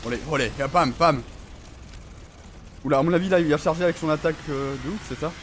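A man's voice: a little high, fast, a little hiss or hum. A man streaming a horror game, commenting live, swearing often and talking back to the enemy on screen. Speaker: gaming streamer.

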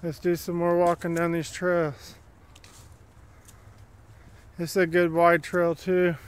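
Filming himself on a handheld phone while walking a wooded dirt trail, this vlogger rambles casually in a chatty, plainspoken way. He speaks slowly in a monotone, with a clean, slightly high voice.

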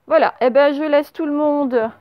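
A woman teaching young children a spelling and dictation lesson, speaking slowly and patiently and spelling words out letter by letter. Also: sits high, slight background noise. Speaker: primary school teacher. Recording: slightly dull, lo-fi home recording.

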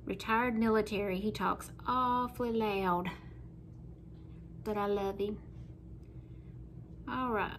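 A middle-aged woman with a Southern US accent, hosting a craft painting tutorial, talks while working at her home kitchen table in a chatty, folksy way. She speaks slowly with frequent pauses, in a medium-pitched voice with fairly even intonation, over a slight hiss or hum.

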